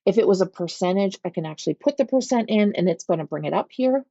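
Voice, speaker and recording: A Pittsburgh-accented woman leads a calm, step-by-step software walkthrough for agents, often pausing to ask "okay?" Her voice is mellow and dark. The recording is dry and a little dull, like a computer mic. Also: medium pitch, no room sound. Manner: patient, step-by-step, checks in with "okay?". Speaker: real estate trainer. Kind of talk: screen-share software walkthrough. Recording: slightly dull, lo-fi audio.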